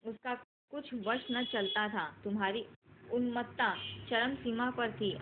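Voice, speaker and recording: Wise old sage, calm and stern, steady measured telling, as a woman reads him in her own voice. Scripture story, higher voice, tinny line. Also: natural voice. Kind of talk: devotional scripture reading. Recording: tinny phone-like line, faint noise.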